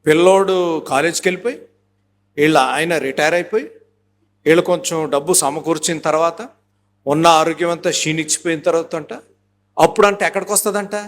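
A man's voice: on the high side, fairly even intonation, a little fast, pauses often, slight background noise. A man in his fifties preaching a sermon as pastor, emphatic and driving, slipping English phrases into his talk and acting out little dialogues.

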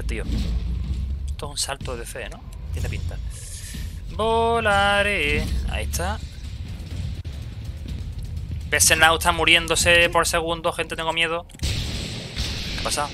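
Man, Spain Spanish accent, excitable streamer, fairly high voice, faint music behind. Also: normal speed. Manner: excitable, swearing, reads chat aloud. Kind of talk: casual gameplay commentary.

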